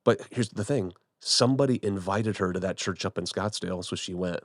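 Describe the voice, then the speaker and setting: A man's voice: low-pitched, fairly quick, no room sound, clean studio sound. A man in his forties, a pastor co-hosting a casual church podcast, talking conversationally and often repeating words as he thinks. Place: studio room with podcast team.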